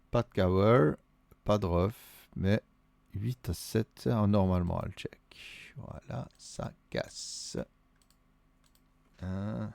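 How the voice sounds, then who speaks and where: A man's voice: lowish voice, vocal fry, warm tone, no echo. A man with a Vaudois Swiss accent, thinking aloud and counting under his breath as he plays through a solo board wargame. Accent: Vaudois Swiss French.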